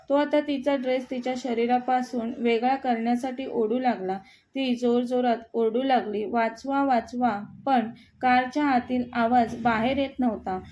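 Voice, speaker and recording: Mellow-voiced woman narrating a story. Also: fairly high pitch.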